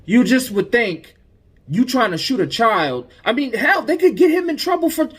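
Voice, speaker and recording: A man's voice: very high voice, animated, moderate pace, breathy edge. A man hosting a news commentary podcast, talking in an indignant, emphatic way with frequent repeated restarts. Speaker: podcast host.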